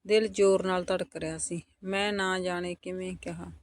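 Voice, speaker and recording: A woman with a Punjabi accent narrating a first-person story in a soft, intimate scripted delivery. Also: lowish voice, fairly even intonation, moderate pace.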